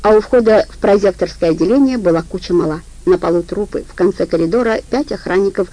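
A woman narrating a crime audiobook in a low-key, steady reading voice. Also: quick pace, poor audio.

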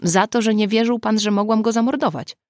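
A woman's voice: fairly high pitch, fairly quick, no echo, clean studio sound, pitched above the performer's own voice, close to an everyday voice. A woman reading the part of an impulsive, outspoken woman writer who blurts out what she thinks. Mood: earnest. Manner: blurting, triumphant outbursts.

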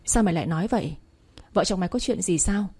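A woman's voice: lowish voice, quick pace, warm tone, breathy edge. A woman voicing a stern, nosy middle-aged village aunt. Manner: blunt, scolding, prying.

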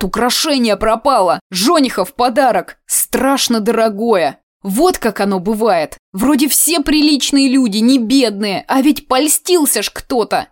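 A woman putting on a fussy, grief-stricken older woman in an audiobook, pitched noticeably higher and louder than plain narration. She sighs and exclaims, doting and lamenting by turns, and the recording is dry and close. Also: no echo. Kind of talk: audiobook character reading.

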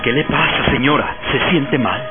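Actor as an animated, suspenseful male storyteller. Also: medium pitch, moderate pace, lightly acted. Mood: concerned. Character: earnest male professor telling an eerie ghost story. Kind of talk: radio horror drama acting. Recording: tinny narrowband radio drama under loud music.

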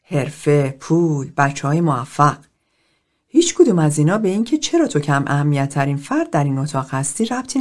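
A woman's voice: fairly low pitch, a little mellow. A woman voicing a man in a therapy group who speaks earnestly and reassuringly.

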